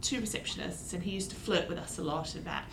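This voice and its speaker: A woman's voice: lowish voice, fast, creaky, noisy background. A woman with a New Zealand accent telling stories in casual conversation. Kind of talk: casual storytelling chat.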